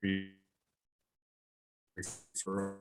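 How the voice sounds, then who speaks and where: Male panelist, low voice, slow, breaking-up video call connection, halting. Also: monotone, clean tone, faint music behind. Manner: halting, cutting out mid-sentence. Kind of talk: panel Q&A answer.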